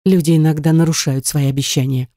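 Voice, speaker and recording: A woman voicing a hurt, defiant young woman who hisses and shouts back, in an audiobook reading. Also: low voice, steady tone, fast talker, dry recording, studio quality.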